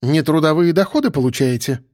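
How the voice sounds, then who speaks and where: Stern mocking female major, brisk and commanding, raised voice, a man putting her on. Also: a little high, darkish tone, dry recording, studio quality, voice pushed up, lightly acted. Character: stern sarcastic woman police major.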